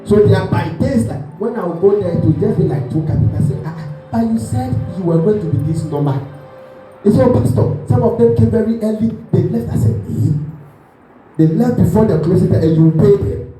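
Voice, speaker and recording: A high-voiced male pastor preaches with lively storytelling and acts out the people in his story. His mellow voice rings through a very echoey hall. Music plays softly behind him. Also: fairly quick. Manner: animated storytelling, acts out voices, asks the congregation questions. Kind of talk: sermon.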